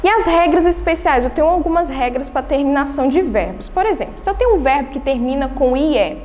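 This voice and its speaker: A woman's voice: high voice, animated, fast, darkish tone, long reverb tail, slight background noise. A woman with a Brazilian Portuguese accent, an English teacher giving a recorded remote lesson, explaining step by step and answering her own questions.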